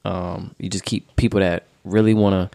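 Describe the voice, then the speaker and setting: A man's voice: low-pitched, little pitch movement, normal speed, vocal fry, dark tone, no echo, clean studio sound. A young man co-hosting a casual podcast chat, upbeat and encouraging. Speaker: podcast co-host.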